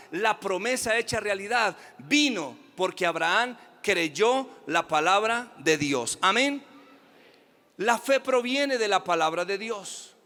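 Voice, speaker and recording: Pastor guy preaching, high bright voice, long church hall echo, has folks repeat after him. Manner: preaching with call-and-response prompts, sing-song emphasis. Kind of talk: sermon.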